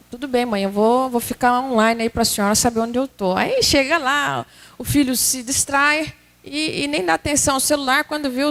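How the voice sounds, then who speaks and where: A woman with a Brazilian Portuguese accent giving a spiritist talk, telling stories lively and acting out everyday scenes. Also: high-pitched. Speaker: spiritist lecturer.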